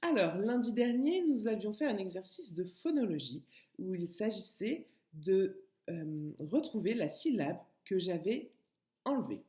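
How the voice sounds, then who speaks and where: A woman's voice: mid-range voice, sing-song, unhurried, dark tone, echoey room. A woman teacher giving a recorded lesson to young children, speaking patiently and addressing the child directly. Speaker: kindergarten teacher.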